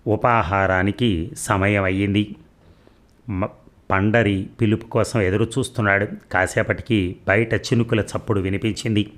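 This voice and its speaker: A man reading a short story aloud in a measured, expressive storytelling manner. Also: fairly low pitch. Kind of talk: scripted narration.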